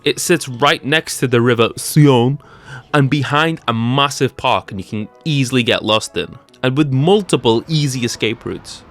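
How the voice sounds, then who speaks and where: A man's voice: medium pitch, moderate pace, faint music behind. A young man narrating a scripted tech-comedy video with jokey, sarcastic asides. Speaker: YouTube creator.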